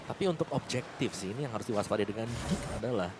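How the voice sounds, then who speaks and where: A man's voice: medium pitch, animated, fast talker. A man with an Indonesian accent giving casual, analytical esports commentary as a co-caster. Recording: clearly noisy background.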